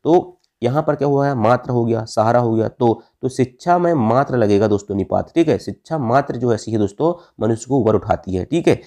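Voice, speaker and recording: A man's voice: mid-range voice, animated, fairly quick, few pauses, mellow. A man teaching grammar for an exam, asking his students questions and answering them himself, repeating the key terms. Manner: asks the class questions and answers them himself, addressing "friends". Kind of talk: exam-prep lesson.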